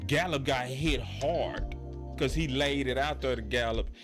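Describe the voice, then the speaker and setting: A man hosting a sports talk show, casual and emphatic, with slangy, animated delivery. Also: mid-range voice, a little slow, music in the background.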